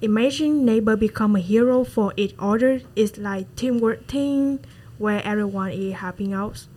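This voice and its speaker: A woman's voice: mid-range voice, moderate pace, dark tone, poor audio. A woman from Vietnam with a Vietnamese accent, talking in a student discussion and searching for words in plain, chatty phrases. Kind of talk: student discussion role-play.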